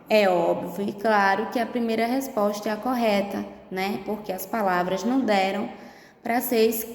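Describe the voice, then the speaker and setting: A woman teacher explaining a lesson to young children, slow and patient, checking understanding with little tag questions all the time. Her voice rings in a bare room with a long reverb tail, and a faint hum of ambience sits under it. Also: medium pitch, a little mellow. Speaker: primary school teacher. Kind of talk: remote lesson to young pupils.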